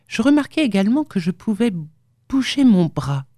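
A woman narrating an audiobook in a measured, sombre storytelling manner. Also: a little high, very animated, mellow, no echo, studio quality.

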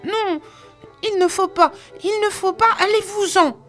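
A woman's voice: very high voice, a little slow, soft background music, voice pushed up. A woman reading aloud, voicing a frightened little girl who answers timidly and pleads in tears. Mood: pleading. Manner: soft, timid, then pleading.

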